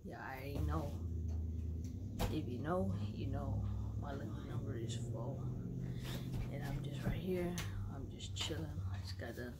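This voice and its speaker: Heavy background noise surrounds a woman in her thirties from Dallas, Texas as she vlogs casually from home, talking to followers in a laid-back, slangy, wandering way. Her low-pitched voice moves at a moderate pace, with frequent pauses.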